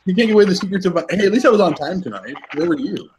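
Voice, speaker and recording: A man on a live stream, playful and quick to laugh, making mock complaints at his friends. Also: high-pitched, lively intonation, darkish tone, slight background noise. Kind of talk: casual chat.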